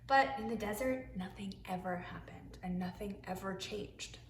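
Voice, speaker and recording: A preschool teacher reads a picture book aloud to young children, expressive and slipping in hushed asides. Her mid-range voice moves at a moderate pace, and the recording has an echoey room sound with a little hiss or hum.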